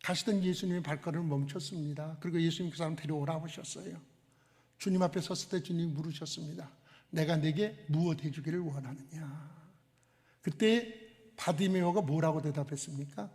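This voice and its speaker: A pastor preaches in a high voice and keeps asking his listeners questions. He acts out the lines he quotes. His voice rings with the long reverb of a church hall. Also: fast talker, a little mellow. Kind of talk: sermon. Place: church sanctuary.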